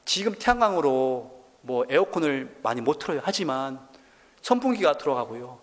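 A man in his forties from South Korea, a missionary giving his testimony during a church service. He tells his story in an animated way, and his voice rises when he is moved. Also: medium pitch, moderate pace, long reverb tail.

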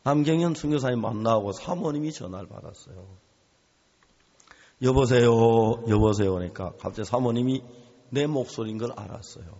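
Male pastor preaching a sermon, fairly high and very lively, animated storyteller who acts out voices. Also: creaky, breathy edge. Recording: reverberant hall, dull lo-fi sound.

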